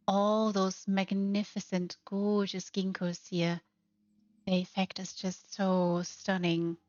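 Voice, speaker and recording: Hosting a tour of a game house, a woman praises everything lavishly in a slow, deliberate way, sometimes slipping into playful baby-talk. Her mid-range voice sounds dry, darkish and a bit dull, recorded without reverb, with faint music in the background.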